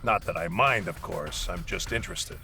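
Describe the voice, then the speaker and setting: A man's voice: deep voice, normal speed, vocal fry, sharp tone, soft background music, heavily acted. A man playing a hostile, bossy warrior leading a scouting mission in a video game, curt and scornful. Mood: brusque, businesslike. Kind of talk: video game dialogue acting.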